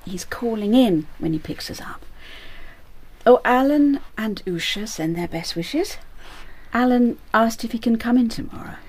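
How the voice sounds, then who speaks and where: A woman's voice: on the high side, expressive, unhurried, darkish tone, slightly rough. An actress playing a caring middle-aged daughter who reassures her ill mother in a radio drama. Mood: soothing.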